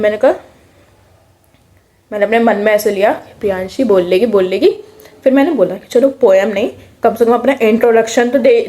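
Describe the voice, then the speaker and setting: A young woman with an Indian accent telling a personal story in a casual, chatty way. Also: on the high side. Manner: chatty, animated, mixes English words into speech. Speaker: vlogger.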